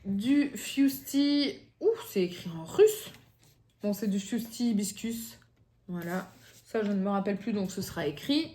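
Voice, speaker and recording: A young woman with a Belgian French accent chats casually at home, near the kitchen, as a vlogger showing off a grocery haul. Her mid-range voice is animated, a little slow, and dark-toned, and she sounds hesitant and full of fillers. There's a little hiss or hum in the recording.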